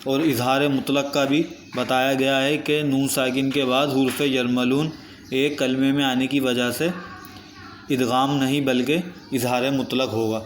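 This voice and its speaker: A man's voice: mid-range voice, flat delivery. A man teaching Quran recitation rules, explaining each rule patiently and step by step, repeating points so they stick. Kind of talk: step-by-step tajweed lesson. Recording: echoey room with faint background noise.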